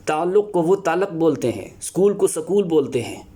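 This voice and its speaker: An earnest male teacher gives a lecture with a mellow, relaxed tone. His voice sits a little high for a man, and he pauses often on fillers as he works out his points. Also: slightly rough. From Pakistan. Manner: earnest, explanatory, with many filler pauses and restarts. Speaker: Urdu teacher. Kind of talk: spoken lecture on teaching Urdu.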